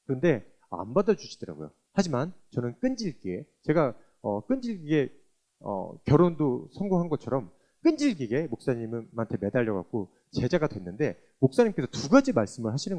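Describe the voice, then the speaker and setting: A man, a church deacon, giving a testimony and acting out remembered exchanges as he tells his story. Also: medium pitch. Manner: animated, acts out remembered exchanges.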